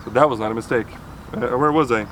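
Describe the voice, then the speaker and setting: A vlogger talks casually outdoors near a road in a fast, mid-range voice. He rambles, restarts sentences, and chuckles along the way, with background noise audible.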